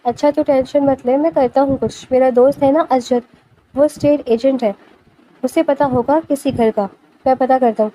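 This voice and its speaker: A laid-back young friend who teases and ribs his buddy, voiced by a woman reading the story. Her voice stays high and casual. A narrated audio novel. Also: fairly even intonation, mellow, slight background noise, lightly acted, rough recording. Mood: teasing casual. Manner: teasing, casual. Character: joking young male friend, teasing.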